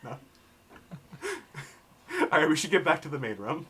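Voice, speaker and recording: A male tabletop player who jokes and swears freely in a fairly high voice. Clear crowd noise sits behind him in the recording. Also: wildly swooping pitch, a little slow, recorded from a distance. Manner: joking and profane. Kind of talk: casual tabletop game play.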